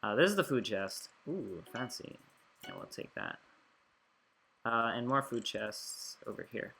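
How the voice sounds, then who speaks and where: Young male gaming host: bright tone, chatty and rambling, lots of ums. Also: mid-range voice, very animated, unhurried, gravelly, a little hiss or hum. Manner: rambling, filler-heavy, chatty. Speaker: gaming YouTuber. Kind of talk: casual gameplay commentary.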